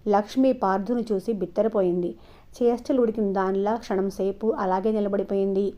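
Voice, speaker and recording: Mellow-voiced woman reading an audio novel. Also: medium pitch, fairly quick. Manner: steady, expressive storybook reading. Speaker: storyteller. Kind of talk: scripted narration of an audio novel. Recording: dull lo-fi recording.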